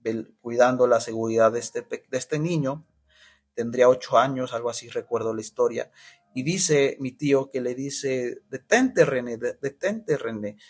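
A man's voice: medium pitch, steady tone, moderate pace, slightly rough. A Mexican man preaching, telling a story and acting out the people in it, with many restarts. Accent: Mexican Spanish. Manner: storytelling with frequent restarts, acting out quoted voices. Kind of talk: storytelling sermon.

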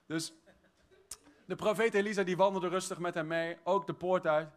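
A man preaching a sermon, exuberant, swinging from shouted praise to quiet, chatty storytelling. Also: high-pitched, fairly even intonation, moderate pace. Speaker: pastor.

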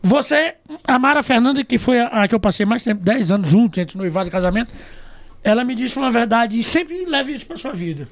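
A middle-aged man, a journalist guest, telling stories loudly and with laughter in a casual podcast chat. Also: very high voice, fairly quick. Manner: loud, animated, laughing storyteller.

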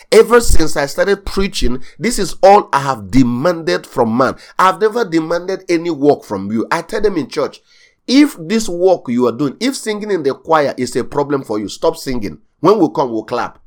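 A male pastor delivering a sermon in an emphatic style. He drives his points home by repeating key phrases, and his voice swells in sudden surges of intensity. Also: fairly high pitch.

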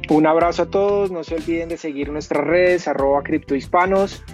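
A man's voice: fairly high pitch, steady tone, fairly quick, faint music behind. A man hosting a podcast, closing an interview with effusive, repeated thanks. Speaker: podcast host. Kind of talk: casual interview wrap-up.

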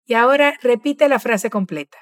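Woman, encouraging pronunciation teacher, slow clear drills, dry close sound. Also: a little high, no echo. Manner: patient, encouraging, models words slowly. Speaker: language teacher.

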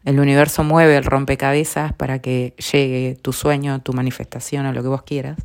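A middle-aged woman with a Rioplatense accent and a notably low voice. She speaks in a reflective, heartfelt way, often trailing off into a hushed near whisper. Her talk is personal and unhurried, like a podcast host sharing her own story. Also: flat delivery. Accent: Rioplatense Spanish. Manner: soft, earnest, often dropping to a near whisper.

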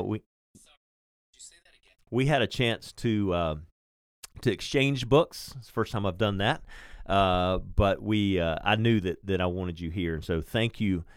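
Low-voiced man hosting a podcast. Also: no room sound, clean studio sound. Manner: relaxed, hesitant with many fillers and restarts. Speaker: podcast host. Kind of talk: conversational interview.

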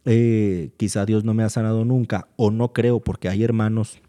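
A man talks through his points in a calm, explanatory way, pausing often with fillers. His voice sits low and has a deep, mellow warmth. He sounds like a guest in an unhurried conversation about faith. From Mexico. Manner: measured, explanatory, pauses with fillers. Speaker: guest speaker.

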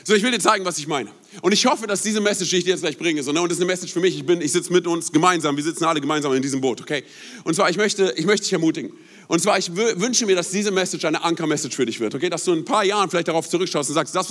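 A man's voice: a little high, racing, fairly bright tone. A young adult male pastor preaching a passionate sermon, emphatic, often asking the listeners rhetorical questions and mixing in English words. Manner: mixes English words into speech.

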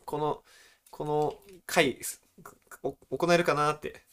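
A young man in his twenties co-hosting a relaxed podcast chat, chuckling often. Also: fairly high pitch, unhurried, smooth. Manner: relaxed, chuckling, demonstrates voices. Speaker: podcast co-host. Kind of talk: casual chat.

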